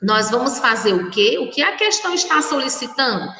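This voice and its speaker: A Brazilian woman teaching young children in a recorded remote lesson, speaking slowly and patiently with a sing-song delivery. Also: on the high side, big pitch swings, sharp tone, echoey room, big-room sound, rough recording. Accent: Brazilian Portuguese. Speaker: primary school teacher.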